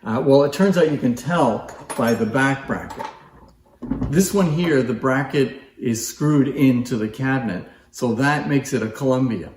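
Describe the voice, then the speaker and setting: In a room with a clear echo, a man with a medium-pitched voice explains antique phonographs the way a presenter would during a hands-on demonstration. He talks conversationally and appreciatively, a little slowly, with a darkish tone. Slight background noise is audible.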